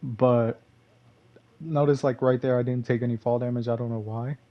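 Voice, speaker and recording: A man's voice: mid-range voice, steady tone, moderate pace, muffled recording. A man giving casual gameplay commentary, rambling and correcting himself, chuckling often.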